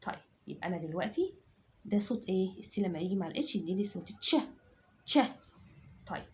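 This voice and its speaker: Egyptian female teacher, very animated pitch, drills phonics sounds for kids, keeps checking in. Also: fast, slight background noise. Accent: Egyptian Arabic. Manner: drills sounds aloud, repeats and checks understanding. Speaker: English teacher. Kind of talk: phonics lesson for children.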